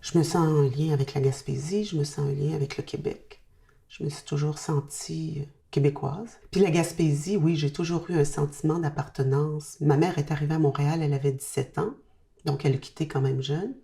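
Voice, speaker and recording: Older woman in her sixties, deep and mellow voice, reminiscing on tape. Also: steady tone, fairly quick, creaky. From Quebec. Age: 60s. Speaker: interviewee. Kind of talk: reflective documentary interview.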